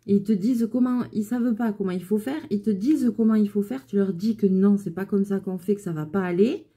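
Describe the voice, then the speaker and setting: Dark husky woman venting casually. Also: mid-range voice, a little fast. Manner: venting, exasperated storytelling. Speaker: clothing alterations shop owner. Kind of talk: casual chatty vlog.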